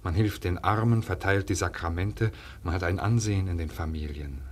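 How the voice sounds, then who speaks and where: A man reading a first-person literary monologue aloud in a measured, solemn and dramatic way, sometimes dropping to a hush. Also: deep voice, slight background noise.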